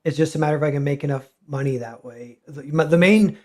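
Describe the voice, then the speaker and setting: A man's voice: on the high side, fast talker, a little mellow. A man, a comic artist guest, talking casually and ramblingly with many fillers and restarts. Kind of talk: casual livestream chat.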